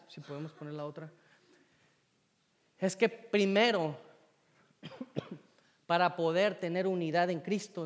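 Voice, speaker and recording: A man preaching a sermon, telling a self-deprecating personal story in an animated way. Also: high-pitched. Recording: long reverb in a hall.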